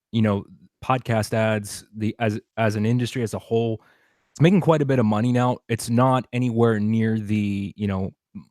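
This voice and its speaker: A man speaks in a measured, thoughtful way on a casual podcast panel. His voice sits fairly low. The sound is close and dry. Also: a little mellow, dry recording.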